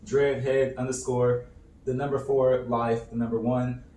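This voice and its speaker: A man's voice: mid-range voice, little pitch movement, measured pace, mellow. A man co-hosting a podcast in an easygoing, joking way. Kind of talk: casual podcast chat. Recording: echoey room, distant mic, faint noise.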